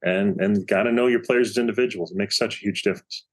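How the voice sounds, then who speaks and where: Low-voiced man telling a story with animation. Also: quick pace. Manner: animated storyteller, acts out quotes. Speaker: podcast guest, baseball coach. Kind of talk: storytelling in casual interview.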